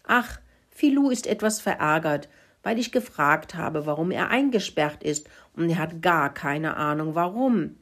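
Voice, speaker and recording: Woman doing a squeaky little boy mouse, curious and giggly, a bit husky. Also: lively intonation, a little slow, full character voice.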